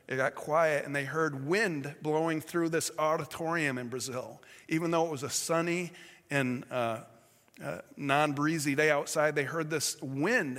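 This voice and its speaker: A man's voice: fairly high pitch, a bit bright, in a large hall. A man preaching a sermon, telling a story with fillers and self-corrections as he goes. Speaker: pastor.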